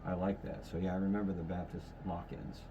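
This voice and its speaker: A man's voice: low-pitched, level tone, quick pace, muffled recording, noisy background. Folksy man in his fifties hosting. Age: 50s. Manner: rambling, self-correcting, folksy. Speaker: podcast host. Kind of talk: casual chat.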